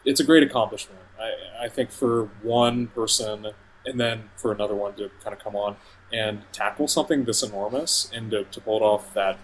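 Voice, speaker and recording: A man's voice: lowish voice, moderate pace, a little hiss or hum, poor audio. A man co-hosting a casual game podcast, hesitant and repeating words as he goes. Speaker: podcast co-host. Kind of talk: casual chat.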